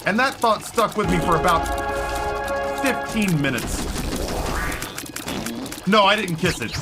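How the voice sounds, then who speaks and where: This middle-aged man, streaming a video game, speaks a little slowly in a high-sitting, animated voice. He rambles on in casual chat that makes fun of himself and never lets up, with music plainly audible behind him.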